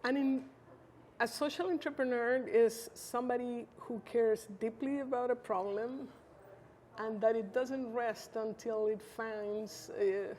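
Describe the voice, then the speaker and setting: Measured Chilean-born woman, slightly high voice. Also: steady tone, a little mellow. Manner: thoughtful, measured, with frequent fillers and restarts. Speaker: interview guest, social entrepreneur. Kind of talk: conversational interview answers. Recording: faint background noise.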